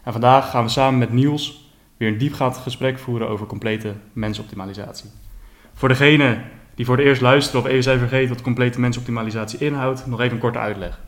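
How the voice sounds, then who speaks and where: A man's voice: mid-range voice, fairly even intonation, fast. Een man presenteert een podcast. Hij leest de introductie van zijn gast voor en stelt daarna aarzelend zijn vragen. Zijn stem heeft een middelhoge toon. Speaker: podcast host. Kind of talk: podcast interview.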